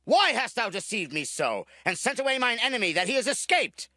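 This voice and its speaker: A man playing an angry, commanding king of ancient Israel in a dramatized scripture reading, with forceful archaic phrasing. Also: extremely high pitch, sing-song, fairly quick, no echo, studio quality, full character voice. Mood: angry demanding.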